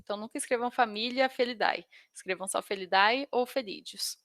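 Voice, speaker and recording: Brazilian lady teacher, kinda high bright voice, bit of a lisp, stumbles on long technical words, casual class style. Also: a little fast, no room sound, clean studio sound. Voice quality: slight lisp, tongue-tied. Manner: stumbles over technical terms. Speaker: biology teacher. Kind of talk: informal lesson for exam students.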